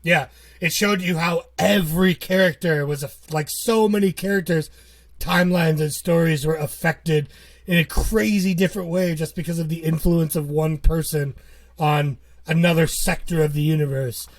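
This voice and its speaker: A man with a somewhat high voice co-hosts a podcast. He talks playfully in a loose, casual way, stopping now and then to hunt for a word before he goes on. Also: fairly even intonation, moderate pace, no room sound. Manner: playful, jokey, searches for words aloud. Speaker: podcast co-host. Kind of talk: casual chat.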